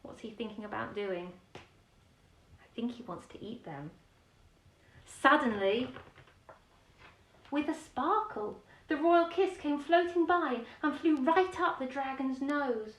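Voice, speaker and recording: Here a woman's high, animated voice unfolds a bedtime story from a children's picture book, slowly and with long pauses. She explains things chattily and asks young listeners questions. Echo fills the room, and the mic sits at a distance.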